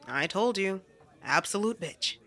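Woman as a dry level-headed co-host, calming, bright lively voice. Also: mid-range voice, unhurried. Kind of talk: fiction podcast drama.

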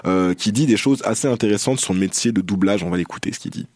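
A male interview host with a fairly low voice, asking questions in a relaxed way. He leans on small fillers as he sets up topics. The sound is dry and close. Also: quick pace, no echo.

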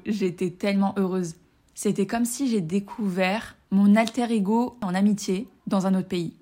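A woman's voice: mid-range voice, a little mellow. A woman from France hosting a casual personal podcast, chatting enthusiastically and speaking straight to her listeners. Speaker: podcast host and coach.

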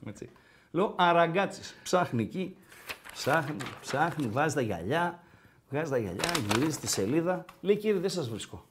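A man's voice: on the high side, lively intonation, noisy background. A man hosting a casual sports talk show, telling stories and teasing his co-host. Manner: storytelling, mimics dialogue in quotes; bantering, teasing.

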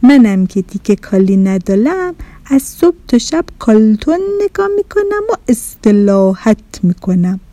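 A woman's voice: medium pitch, big pitch swings, warm tone, no room sound, natural voice. Woman doing a lisping, sulky washing machine. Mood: stubborn. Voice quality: childlike mispronunciations, lisping. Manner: stubborn, whiny. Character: sulky lazy washing machine with a childish lisp.

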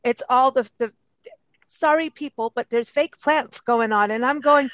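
A woman's voice: a little high, unhurried, fairly bright tone, dry recording. A woman from South Africa co-hosting a video call interview, playful and jokey. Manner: playful and jokey, laughing often. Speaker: co-host. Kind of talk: casual interview chat.

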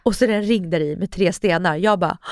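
A woman's voice: no room sound, clean studio sound. A woman in her thirties co-hosting a casual podcast, telling stories vividly and acting out what people said. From Sweden. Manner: animated storytelling, acting out quotes with big pitch jumps. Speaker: podcast co-host. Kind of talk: casual chat.

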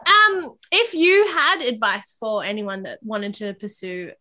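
A woman's voice: fairly high pitch, measured pace, pushed and bright. A woman co-hosting a casual interview, playful and jokey in her asides. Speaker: podcast co-host.

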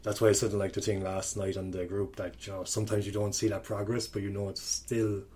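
Low-voiced man with strong Kerry accent. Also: flat delivery, brisk, dark tone, slightly rough. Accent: strong Kerry, west of Ireland. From County Kerry, Ireland. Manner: rambling, candid, peppered with "like". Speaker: podcast guest, sports coach. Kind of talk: casual podcast conversation.

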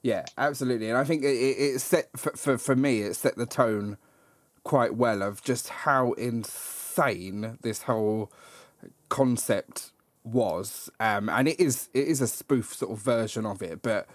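A man's voice: mid-range voice, measured pace, no echo. A man hosting a casual film discussion, hesitant and full of fillers and restarts. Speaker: podcast host.

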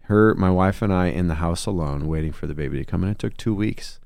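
Man, low voice, dry close sound, earnest reflective storytelling, interview guest. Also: fast talker, creaky, a little mellow, clear, resonant tone, no echo. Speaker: songwriter and musician. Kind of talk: conversational interview.

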